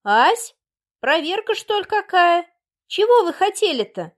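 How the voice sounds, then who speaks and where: A woman voicing an elderly village mother, loud and plain-spoken, who calls out sharply. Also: very high-pitched, very animated, measured pace, voice pushed up, full character voice. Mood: suspicious. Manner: loud, calling out.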